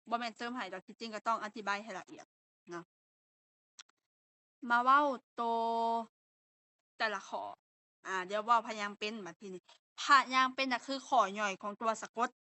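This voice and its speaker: A woman's voice: fairly high pitch, sharp tone, no echo. A young woman with a Lao accent, teaching an online language lesson and explaining step by step with patient fillers.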